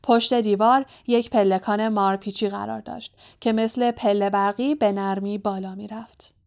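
A woman narrating a children's fantasy novel in a steady, even storytelling voice. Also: medium pitch, vocal fry, smooth. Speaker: audiobook narrator.

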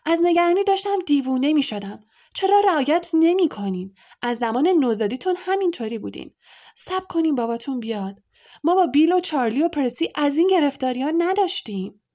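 A woman voicing a stout witch mother who scolds her sons in a loud, high, shrill voice. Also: expressive, creaky, full character voice. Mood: angry scolding. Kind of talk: audiobook character voice.

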